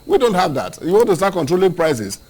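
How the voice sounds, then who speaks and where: A Nigerian man in the studio as the show's analyst, arguing his point in short, firm statements. His pitch sits a little high and swings widely as he talks, which makes his delivery sound animated. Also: brisk, breathy edge. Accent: Nigerian English. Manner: opinionated, argues in short points. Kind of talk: studio discussion.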